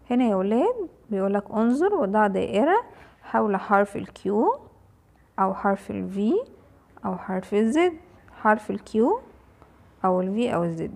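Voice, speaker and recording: A young woman with an Egyptian Arabic accent teaches English phonics to small children. Her voice sits a little high, and she speaks slowly, drawing out and repeating each letter sound for them. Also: a little mellow.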